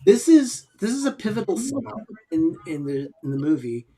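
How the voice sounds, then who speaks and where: A man's voice: high voice, very animated, moderate pace, warm tone. A man co-hosting a casual watch party, earnestly walking friends through the plot. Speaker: co-host.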